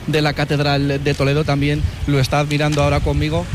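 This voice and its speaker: A man's voice: a little high, monotone, quick pace, background noise. A man reporting live for radio from an outdoor square, interviewing a visitor in a chatty way. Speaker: field reporter.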